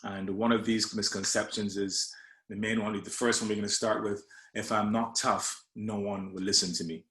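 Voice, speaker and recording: A man's voice: on the low side, little pitch movement, normal speed, a bit bright. Man, roomy sound. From Barbados. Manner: friendly, hesitant, many fillers and restarts. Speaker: life coach presenting a leadership talk. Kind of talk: presentation with slides.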